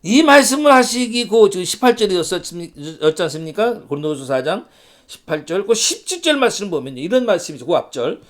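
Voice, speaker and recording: A male pastor leads a church Bible study, reading passages aloud and turning to the congregation with questions. His voice sits high and rises and falls with a lively swing. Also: fairly quick. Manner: reads scripture aloud, asks the congregation rhetorical questions.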